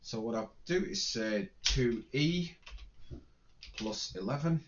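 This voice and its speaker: A man's voice: mid-range voice, expressive, takes it slowly, a little hiss or hum. Casual male lecturer, lo-fi recording. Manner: thinks aloud, self-correcting, casual. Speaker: engineering lecturer. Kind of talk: screen-recorded spreadsheet tutorial.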